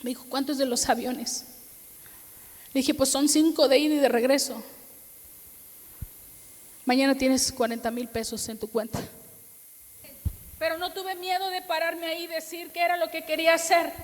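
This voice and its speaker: A woman's voice: high-pitched, fairly even intonation, normal speed, pauses often, big-room sound. A middle-aged woman pastor with a Mexican accent, preaching a sermon and acting out the dialogue of her own story. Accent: Mexican Spanish. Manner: storytelling, acts out dialogue, asks audience for amen.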